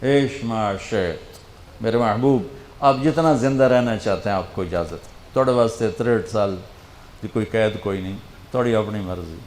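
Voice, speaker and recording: A man preaching a sermon, telling a story with feeling and swinging between loud passages and hushed ones. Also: fairly low pitch. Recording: roomy with faint background noise.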